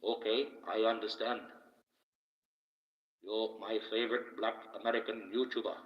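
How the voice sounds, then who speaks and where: A man from Australia speaks in a low, unhurried, musing way, his voice washed in a dreamy, distant echo. The long reverb makes it sound ethereal and far away. The sound is dull and lo-fi. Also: level tone. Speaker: livestream host playing an archangel persona. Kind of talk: casual livestream advice and chat with viewers.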